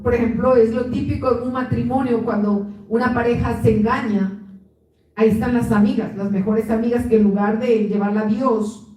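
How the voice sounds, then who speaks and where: A woman's voice: a little high, fairly even intonation, normal speed, warm tone. A woman pastor giving an earnest sermon. She often restarts words and acts out the voices she quotes. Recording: echoey church room, mic at a distance, faint music.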